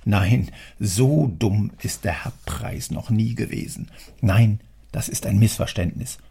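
A fussy, servile old bookkeeper, put on by a male narrator, bowing and muttering to himself in an obsequious way. The voice is gravelly and dark, with a breathy, husky edge. It belongs to a storybook reading. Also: lowish voice, takes it slowly, heavily acted.

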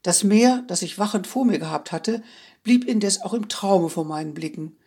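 A narrator reading classic literary prose aloud in an expressive, wistful first-person style. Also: mid-range voice, moderate pace, husky. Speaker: audiobook narrator.

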